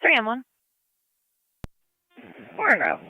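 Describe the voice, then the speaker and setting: A woman's voice: a little high, huge pitch swings, slow, sharp tone, dry recording, low-quality recording. A woman dispatching fire and ambulance calls over two-way radio in formulaic announcements. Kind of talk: rapid scanner radio dispatch.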